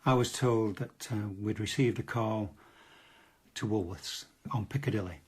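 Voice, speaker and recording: An older man with a low, husky voice gives a steady account in an interview. He speaks as a retired fire officer, calm and matter-of-fact. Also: unhurried. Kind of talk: interview recollection.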